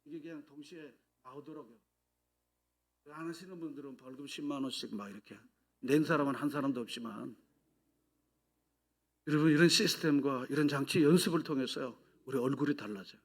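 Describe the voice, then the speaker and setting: A man's voice: fairly high pitch, a little fast, pauses often. Emphatic preaching pastor, man. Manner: emphatic preaching, swings from loud exhortation to hushed whispers; asks the congregation questions and leads them in repeating phrases. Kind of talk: sermon. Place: church sanctuary.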